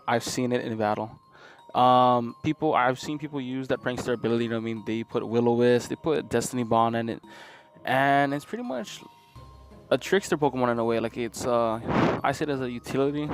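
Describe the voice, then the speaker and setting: A man hosting a casual top ten countdown commentary, talking in a slangy way and often tacking "man" onto his sentences. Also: mid-range voice. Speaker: video host.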